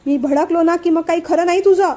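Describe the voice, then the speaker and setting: A woman's voice: very high voice, brisk, warm tone, voice pushed up. A woman voicing a short-tempered elderly father who lectures and scolds his daughter in a storybook reading. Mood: scolding.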